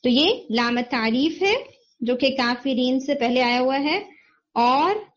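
Patient, slow-spoken woman teaching recitation. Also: high voice, lively intonation, muffled recording. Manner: patient, quizzing students and confirming answers. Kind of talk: slow explanatory lesson mixing English terms.

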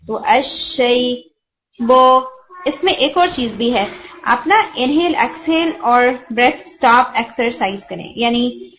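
A woman's voice: on the high side, fairly bright tone. A woman teacher giving patient, detailed feedback on Quran recitation, explaining pronunciation step by step. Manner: patient, explanatory, mixes English terms. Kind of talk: tajweed feedback lesson. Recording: dull lo-fi audio with faint hiss.

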